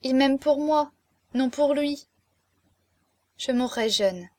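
A woman reads a classic novel in the first person with measured, expressive delivery. Her voice sits fairly high for a woman. The recording is dry and close, with no room sound. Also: no room sound. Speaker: audiobook narrator.

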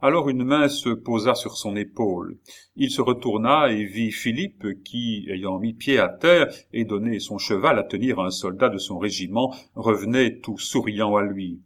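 A man narrating an audiobook of a classic novel in a measured, literary manner. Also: on the low side, a bit bright.

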